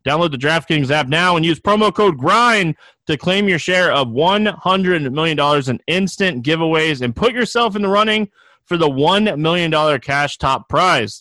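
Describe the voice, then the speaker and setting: A man who hosts a podcast, reading an energetic promotional ad in a punchy, upbeat prize-announcer manner. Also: on the high side, moderate pace, no echo.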